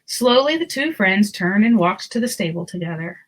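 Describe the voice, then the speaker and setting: Over poor audio, a medium-pitched woman reads aloud from a children's storybook, shaping the story with expressive, deliberate narration.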